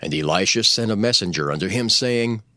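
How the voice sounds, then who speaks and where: A man's voice: on the low side, animated, a little fast, bright, forceful tone, dry recording, clean studio sound. A man narrating scripture in a dramatized, scripted storytelling style.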